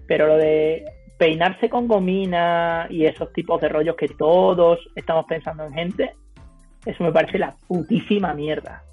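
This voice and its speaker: Man, tinny phone-like audio, Spanish accent, lightish high voice, blunt sweary casual co-host chat. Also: normal speed, husky. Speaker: podcast co-host. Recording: phone-like thin sound, music behind.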